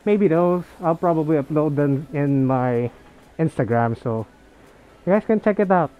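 A man's voice: on the high side, expressive, a little slow. A young man, chatting casually in a vlog while talking from inside a fursuit head, repeating words as he goes. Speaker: vlogger. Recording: dull lo-fi audio with faint music.

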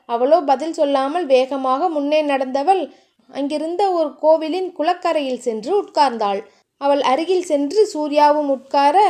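A woman narrating a family romance novel with steady, expressive storytelling. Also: high-pitched. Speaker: audiobook narrator.

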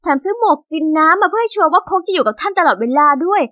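A young woman narrating an animated story in a chatty, exasperated teen manner. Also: extremely high pitch, racing, no room sound, clean studio sound.

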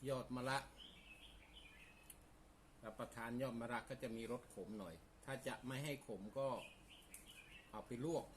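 A man chats at a mid-range pitch as he eats, his mouth often full. He explains things to viewers in a folksy, casual way. Birdsong and clear ambient noise sit behind his voice. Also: unhurried, long pauses. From Isan, northeastern Thailand. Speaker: food vlogger. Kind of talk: casual mealtime chat to viewers.

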